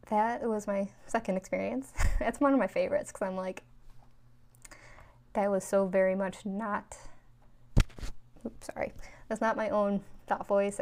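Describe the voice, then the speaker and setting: A woman from New York shares stories in a loose, chatty vlog style, leaning on "like" and "um" as she goes. Her voice is mellow and dark, with plenty of gravelly fry. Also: medium pitch. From New York, USA. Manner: chatty, rambling, with many 'like' and 'um' fillers. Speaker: spiritual vlogger. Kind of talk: casual storytelling.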